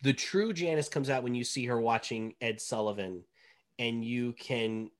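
A woman's voice: a bass voice, normal speed. Sneezy woman teasing her sister. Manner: teasing, talks through a stuffy sneezy nose. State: sneezy from a cold. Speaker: podcast co-host. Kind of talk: casual chat.

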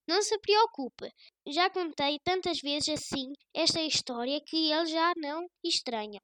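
A woman's voice: high voice, measured pace, a bit bright, no room sound, clean studio sound. A woman with a European Portuguese accent voicing a shrewd, unflustered old grandmother in a storybook tale. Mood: sly calm.

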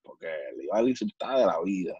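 Play a Puerto Rican man telling stories as a podcast guest. Keep your voice low and a little husky. Be blunt and slangy. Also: normal speed, darkish tone, no room sound, muffled recording. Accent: Puerto Rican Spanish. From Puerto Rico. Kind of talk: casual storytelling conversation.

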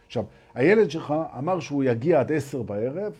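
A man's voice: mid-range voice, big pitch swings, darkish tone, husky. A man giving a motivational spiritual talk to an audience, speaking emphatically, repeating key phrases and firing rhetorical questions at his listeners. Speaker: spiritual teacher addressing an audience.

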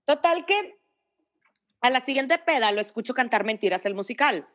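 Northern mexican girl telling stories, lively, slangy, higher voice, does everyone's voices. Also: moderate pace. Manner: animated, acts out quoted voices, heavy slang. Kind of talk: casual storytelling chat.

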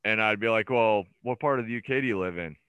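A man's voice: on the low side, fast talker, smooth, dry recording, phone-quality sound. A man chatting as a podcast guest, rambling through stories with lots of fillers and restarts. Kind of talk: casual chat.

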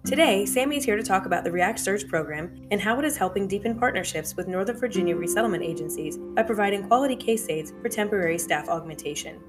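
A woman hosting a podcast, with a voice of middle pitch. She reads her scripted introduction in a clear, measured way. Guitar music plays clearly beneath her. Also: expressive. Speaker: podcast host. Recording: music bed under the intro.

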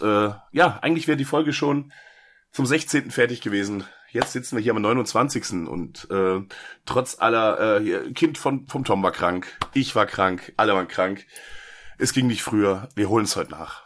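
A podcast host talks about horror movies while he has a cold, chatting casually and joking, with lots of fillers and restarts. His voice is fairly low, a bit bright, and moves at a moderate pace.

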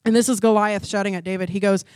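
A woman's voice: mid-range voice, steady tone, quick pace, a little mellow, no echo. A woman preaching a sermon in a conversational way, full of "like" and "y'all", rising into emphatic preaching at key points. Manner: conversational, often says "like" and "y'all". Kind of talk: youth sermon.

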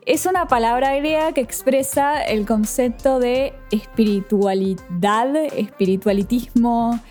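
A woman with a fairly high voice explains things in a quick, chatty way. Faint music sits softly under her voice. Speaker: podcast co-host. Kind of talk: casual film discussion.

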